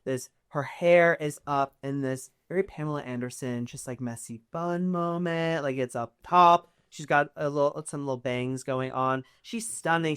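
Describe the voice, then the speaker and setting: A woman's voice: low voice, clear, resonant tone. A woman narrating a tabletop game as game master in a casual, chatty way with many fillers.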